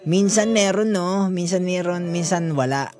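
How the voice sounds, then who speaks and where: A woman's voice: lowish voice, a little slow. A woman hosting a radio show, reading listener letters and commenting in a giggly, teasing manner. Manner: giggly, teasing, frequent laughter. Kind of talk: casual radio chat. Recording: radio studio with music bed.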